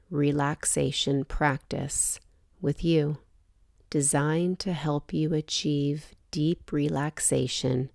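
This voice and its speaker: A yoga nidra teacher guides a relaxation meditation, her voice low and creaky. She speaks in a soothing, gentle and measured way, leaving pauses as she goes.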